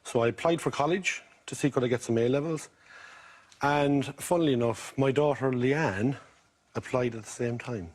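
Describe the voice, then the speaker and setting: A middle-aged man from County Mayo with a west of Ireland accent and a husky voice, chatting about his life as a game show contestant. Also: mid-range voice, moderate pace.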